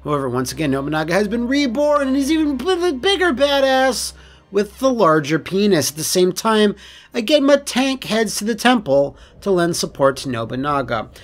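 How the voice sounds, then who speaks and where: A man giving casual, excitable and jokey gameplay commentary, swearing freely. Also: sits high, normal speed. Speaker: host of a video game playthrough. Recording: voice over game music. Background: game soundtrack music.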